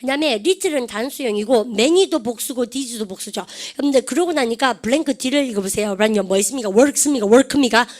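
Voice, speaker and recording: A woman's voice: on the high side, fairly quick, hardly any pauses. A woman English teacher giving an online grammar lecture, quizzing her students with constant questions and drilling English words aloud.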